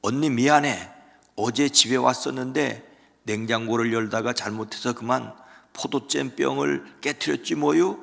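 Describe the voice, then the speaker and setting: A man reading the lines of an apologetic aunt in a story, raised a little in pitch. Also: moderate pace, creaky, a bit bright, long reverb tail. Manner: chatty, apologetic, explaining. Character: younger aunt apologizing to her sister.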